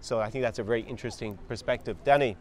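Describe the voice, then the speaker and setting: A man's voice: mid-range voice, rapid-fire, a little mellow. A man hosting a video podcast, introducing his guest in an upbeat, eager way. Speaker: podcast host. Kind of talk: casual interview introduction.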